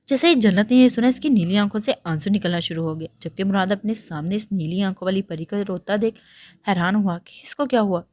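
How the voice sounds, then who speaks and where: Woman narrator, steady novel reading, mid-pitched voice, dry close mic. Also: no room sound. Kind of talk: reading a romance novel aloud.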